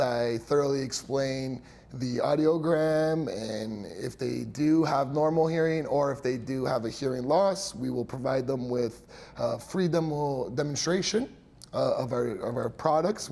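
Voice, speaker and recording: A young man of Italian heritage, a hearing care professional, explains his clinic in interview answers, chatting with many fillers and little laughs. His mid-range voice has a darkish tone and some vocal fry.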